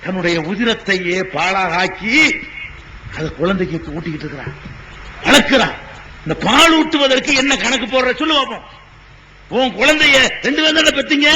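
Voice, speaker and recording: High-pitched scolding preacher man. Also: sharp tone, slight background noise, poor audio. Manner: rhetorical questioning, scolding the audience. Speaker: Islamic preacher. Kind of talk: sermon.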